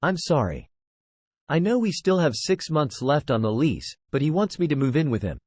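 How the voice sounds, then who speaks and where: A man reads a tearful young woman sharing an apartment, anxious and apologetic as she speaks. Her lines rise and fall with lively pitch in an audiobook. The sound is close and dry. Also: normal speed, no room sound.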